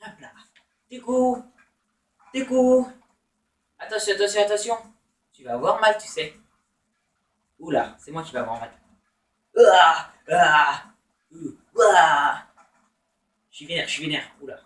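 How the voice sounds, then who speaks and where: A man's voice: fairly high pitch, big pitch swings, fairly quick, long pauses, fairly bright tone, echoey room, distant mic, low-quality recording. A man giving casual, playful let's-play commentary, teasing opponents with taunts and exclamations. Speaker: gamer.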